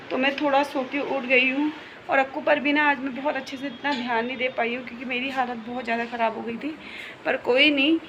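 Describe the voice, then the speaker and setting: A young woman talking casually through a home vlog, feeling unwell while pregnant. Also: a little high. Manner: chatty, talks softly while child sleeps. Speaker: vlogger. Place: home, kitchen and bedroom. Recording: noisy home recording.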